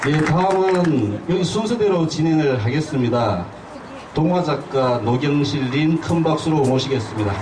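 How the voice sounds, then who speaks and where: A man's voice: fairly high pitch, expressive, normal speed, crowd noise. Man emceeing a rally, echoey and distant. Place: outdoor street rally. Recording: distant, echoey, with loud street noise.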